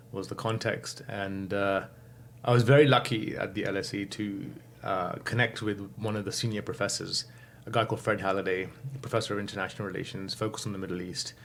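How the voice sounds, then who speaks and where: A man's voice: fairly low pitch, vocal fry, slight background noise. Thoughtful man in his fifties. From England. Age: 50s. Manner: thoughtful, many fillers, self-correcting. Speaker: guest. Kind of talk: reflective interview answers.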